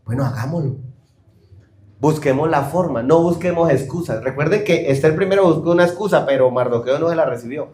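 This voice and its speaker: A man's voice: fairly high pitch, fairly quick, a little mellow. A man preaching a sermon as a pastor, emphatic, questioning the congregation and acting out the excuses of others. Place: church hall. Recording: echoey church hall.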